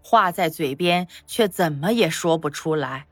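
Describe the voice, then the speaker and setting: A woman giving expressive scripted narration for a palace audio drama. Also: sits low, unhurried, no room sound, faint music behind.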